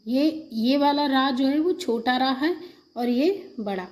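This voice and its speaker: A woman's voice: high-pitched, takes it slowly, a little mellow. A woman teaching a Hindi spelling lesson for an exam, reading example sentences and then repeating each word in its correct form.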